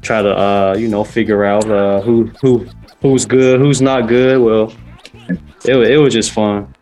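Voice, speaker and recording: A man's voice: lowish voice, fairly even intonation, a little slow, darkish tone, soft background music. A man in casual podcast chat, talking in a slangy, easygoing way.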